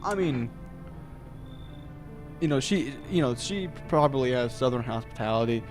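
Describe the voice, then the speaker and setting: A man's voice: mid-range voice, lively intonation, normal speed, darkish tone, soft background music. A man reading game text aloud and commenting casually with wry asides. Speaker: gameplay host.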